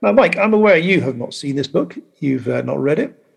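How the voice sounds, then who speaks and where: A man hosting a podcast over a video call, talking casually and haltingly with many pauses. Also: fairly high pitch, expressive, creaky, husky. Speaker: podcast host.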